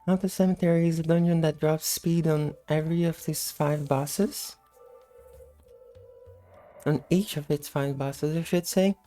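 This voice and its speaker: A woman giving casual, unhurried gameplay commentary in a sleepy, just-woke-up morning voice. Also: sits low, fairly even intonation, warm tone, soft background music. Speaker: gameplay host.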